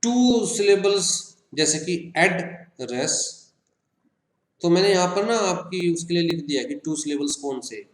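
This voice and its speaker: A man with an Indian accent teaching an exam-prep lesson, drawing out example words slowly and checking in with listeners. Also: sits high, echoey room. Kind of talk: exam-prep lecture in Hindi-English mix.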